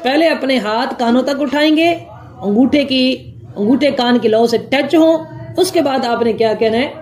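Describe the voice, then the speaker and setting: A woman's voice: high-pitched, moderate pace, darkish tone. A woman giving a religious jurisprudence lesson, going point by point and answering her own questions. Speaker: religious teacher.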